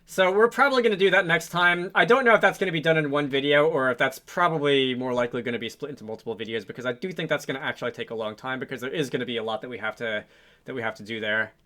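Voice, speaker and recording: Racing along in a sharp, mid-range voice, a man hosts a game development tutorial. It's an unscripted, casual screen recording where he muses to himself and thinks aloud while he works.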